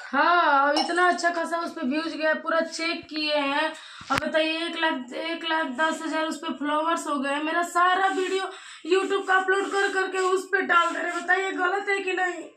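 This woman vlogger is in her thirties and has an eastern Hindi-belt accent (Bihar/eastern UP). Speaking into a phone, she keeps pressing her complaint, remonstrating and going over the same points again. Her pitch is extremely high and fairly even, her pace moderate, her delivery pushed and bright. A camera a short way off records her in a small bedroom, where the room echoes and there's faint noise and clicking.

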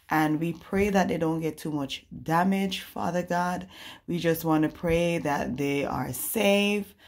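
Woman vlogger, low voice, earnest prayerful delivery, casual talk to viewers. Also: darkish tone. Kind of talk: casual shopping vlog voice-over with a prayer. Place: home goods store.

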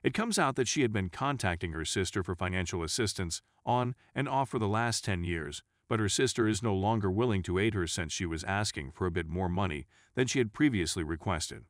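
Man, low voice, lively pitch, dry close sound, scripted narration of a forum story. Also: brisk, hardly any pauses, no echo. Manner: steady reading of a first-person account.

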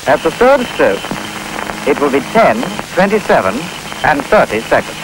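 A man as a recorded speaking clock, giving time announcements in spliced-together, measured segments on an old film soundtrack. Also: fairly high pitch, poor audio. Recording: hissy 1950s film soundtrack. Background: steady hiss.

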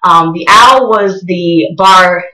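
A woman's voice: fairly low pitch, slow, sharp tone. A woman in her twenties chatting casually and exclaiming to viewers as she narrates a task, her speech slightly impeded by a tongue piercing. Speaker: vlogger. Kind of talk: casual vlog chat, talking to viewers while doing a task. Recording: echoey small hard-walled room.

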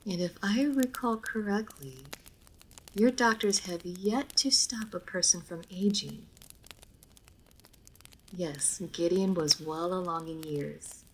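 A woman plays a reserved noble vampire lady in an intimate roleplay audio drama, speaking low with measured, formal phrasing. Guarded and melancholy, she comes through a low-quality recording with audible noise behind her, in a somber, formal mood.

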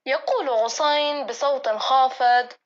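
A woman reads the narration of a classroom play in a plain, steady manner. Her voice is very high, and the lo-fi recording sounds dull. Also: measured pace. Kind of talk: reading the narration of a school play.

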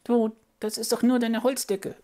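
A woman's voice: moderate pace, close to an everyday voice. A woman voicing a curious, chatty young worm puppet who keeps asking naive questions in a children's puppet show. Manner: asks endless naive questions, squeaky and excitable.

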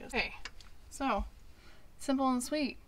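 Speaking slowly in a high voice against a noisy background, a woman in her thirties gives a casual show-and-tell of her little wooden camper trailer. Her talk is full of ums and likes, and she films it all on a handheld phone.

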